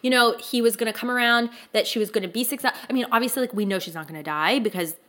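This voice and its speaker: A young woman co-hosting a casual book podcast, her voice a touch higher than average. She explains things patiently and earnestly, and her voice drops soft and low when she muses aloud. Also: fast. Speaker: podcast co-host.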